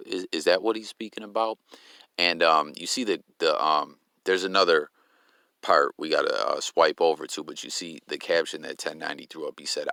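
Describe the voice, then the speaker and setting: Deep, gravelly man hosting a commentary vlog. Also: bright, forceful tone, no echo, studio quality. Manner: laid-back, slang-heavy, stumbling over words. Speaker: commentary channel host.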